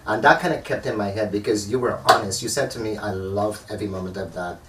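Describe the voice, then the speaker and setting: A man's voice: lowish voice, fast talker. A man from Guyana, a dancer, chatting as an interview guest and telling stories with animation. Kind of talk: casual interview chat. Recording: echoey room, far from the mic, faint noise.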